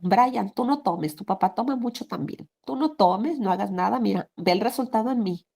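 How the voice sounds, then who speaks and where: A woman's voice: mid-range voice, normal speed, creaky, warm tone. A woman reenacting the pleading words of her dying older husband in an interview.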